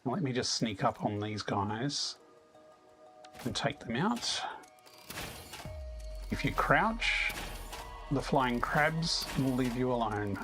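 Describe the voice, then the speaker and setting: An Australian man chatting casually with viewers as he streams a video game, easygoing and quick to chuckle. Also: medium pitch, animated, over music. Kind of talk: casual live-stream chat while playing.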